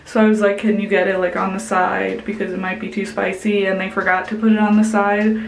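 A woman's voice: medium pitch, little pitch movement, a little fast, gravelly, slight background noise. A young woman talks straight to a camera at arm's length, giving a casual restaurant review. Her voice sits in an ordinary middle register, full of "like" and "um". The small room around her is noticeably echoey. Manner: chatty, heavy use of "like" and "um". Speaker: vlogger. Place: indoors, small room with plain wall.

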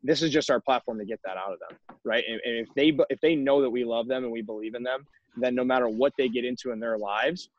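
Over a dull, dry video call, a young man who coaches college baseball talks fast and emphatically to other coaches. His voice sits in the mid range, and he often caps his points with "right?".

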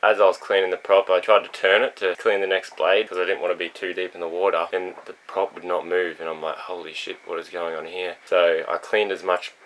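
Low, flat-voiced young man. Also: a little fast, few pauses, a little hiss or hum, rough recording. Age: young adult. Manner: relaxed and rambling, with many fillers. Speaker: sailing vlog host. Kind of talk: casual vlog talk to camera. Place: on and inside a sailboat. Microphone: action camera held close.

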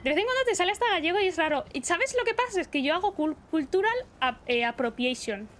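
Chatty young woman streamer, high voice. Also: expressive, fast, fairly bright tone. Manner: chatty, reads chat aloud, rambling. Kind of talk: casual chat while gaming.

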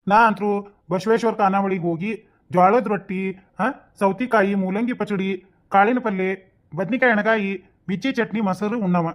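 A man's voice: high voice, steady tone, normal speed, lightly acted. A man voicing a worried, stubborn young husband in a cartoon with a North Karnataka accent. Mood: grumbling. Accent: North Karnataka Kannada. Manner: grumbling, stubborn.

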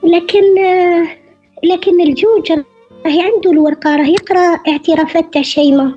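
High-voiced Algerian woman over the phone. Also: fairly even intonation, mellow, faint music behind. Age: middle-aged. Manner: halting, many hesitant fillers. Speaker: caller. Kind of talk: telling her story in a call-in show. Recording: dull phone line.

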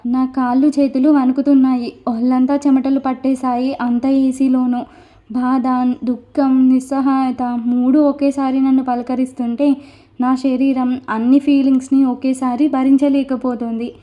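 A woman narrating a romantic love story in the first person, with emotive, scripted delivery. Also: sits high. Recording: dull lo-fi recording.

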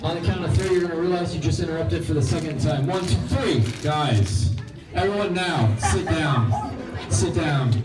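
A man's voice: on the high side, moderate pace, hardly any pauses, loud music behind the voice. A man hosting a live stage hypnosis show, giving commanding, repeated short instructions to volunteers. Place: large crowded indoor hall. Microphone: far audience camera. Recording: distant, echoey hall with noisy crowd. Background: audience noise and laughter.

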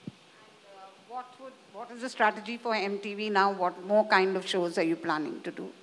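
A woman's voice: medium pitch, steady tone, a little fast, fairly bright tone. A woman asking questions as a journalist at a press conference.

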